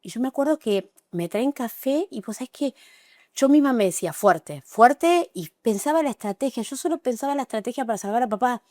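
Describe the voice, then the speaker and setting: A woman's voice: on the high side, dry recording. Argentine lady talking through old memories, starts and stops a lot, dry close sound. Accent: Argentine Spanish. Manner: emotional, halting, with restarts and soft laughs. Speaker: interview guest. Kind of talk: personal testimony in conversation.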